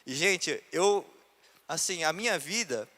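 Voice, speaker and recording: A man's voice: fairly high pitch, animated, slow pace, bright, forceful tone. A man, a pastor telling his own story in a sermon, acting out the voices of the people he quotes. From Brazil. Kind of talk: sermon testimony. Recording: long reverb of a church hall.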